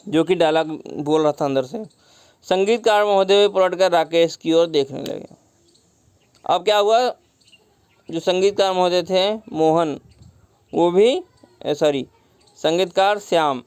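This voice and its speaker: A man's voice: high voice, a little mellow, smooth, no room sound. A man teaching a story lesson, retelling each line and glossing words with simple synonyms, mixing in English words. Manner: mixes English words into the explanation.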